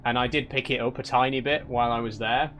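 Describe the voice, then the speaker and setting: A young Yorkshireman with a Yorkshire accent chats casually on a live stream, reading out viewer comments and restarting often while teasing lightly and wryly. His medium-pitched voice is a bit bright, with fairly even intonation and a fast pace, over slight background noise.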